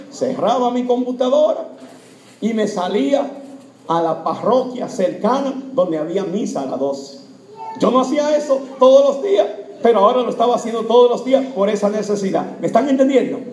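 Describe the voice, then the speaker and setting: A man's voice: very high voice, a little mellow, echoey room. A man preaching a sermon testimony, speaking emphatically and putting questions to the congregation.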